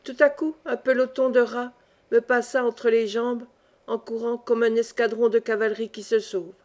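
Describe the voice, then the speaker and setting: A woman reading a classic novel aloud as an audiobook. Her delivery is expressive and dramatic. Her voice sits fairly high. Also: moderate pace. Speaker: audiobook narrator. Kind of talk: scripted narration of a classic novel.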